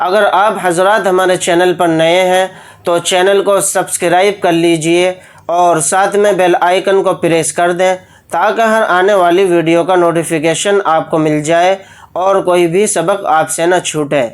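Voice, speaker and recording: A man teaching a tajweed lesson, explaining each rule briskly step by step. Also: sits high, smooth. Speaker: Quran recitation teacher.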